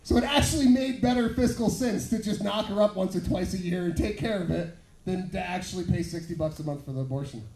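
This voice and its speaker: Smutty stand-up comic, high-pitched creaky man. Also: brisk, darkish tone. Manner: leering, smutty joking. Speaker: stand-up comedian. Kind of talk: stand-up comedy, conversational and profane. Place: small bar or club stage at night. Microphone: handheld stage microphone through PA, filmed from the audience. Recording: echoey room recording with audience noise.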